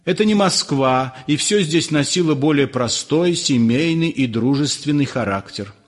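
A man narrating an audiobook in a measured, expressive reading. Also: fairly high pitch.

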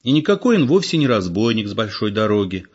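A bold young village woman speaks briskly and offhandedly, as a male reader puts her on. She is a woman from a storybook. The recording sounds dull and lo-fi. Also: fairly low pitch, sing-song, breathy edge.

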